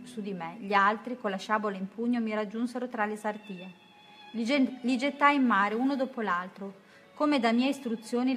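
A woman narrating a first-person adventure story in a steady, measured reading voice. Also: fairly high pitch. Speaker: audiobook narrator.

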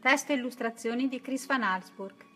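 A woman's voice: on the high side, moderate pace, soft background music. Woman reading a children's story aloud. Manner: expressive, even-paced storytelling. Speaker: narrator.

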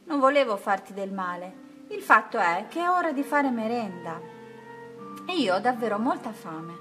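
A small, hungry boy crocodile from a storybook calls out in a raised, loud voice, as a woman reads him. He stays polite and apologetic. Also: on the high side, animated, moderate pace, faint music behind.

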